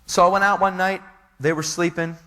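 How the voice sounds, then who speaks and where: A man's voice: sits high, steady tone, brisk, sharp tone. A man giving an earnest, casual testimony in a preaching style, full of slang.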